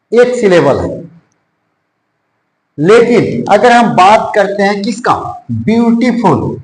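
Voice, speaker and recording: A man from India teaching English grammar, mixing Hindi and English with a Hindi accent and slowly repeating his examples. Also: sits high, darkish tone, echoey room, poor audio. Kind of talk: classroom-style grammar lesson.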